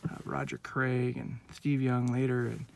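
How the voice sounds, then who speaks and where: Holding his phone, a man in his late forties from Northern California speaks earnestly and from the heart in a casual vlog, drifting from one thought to the next. His middle-pitched voice is heavily gravelly, full of fry, delivered flatly at a measured pace, with a faint hiss of background noise underneath.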